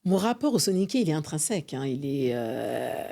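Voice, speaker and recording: Low, creaky and warm, her very animated voice keeps a normal speed as this middle-aged Frenchwoman, vice-president of an association, talks fervently and sincerely with frequent hesitations during a podcast interview.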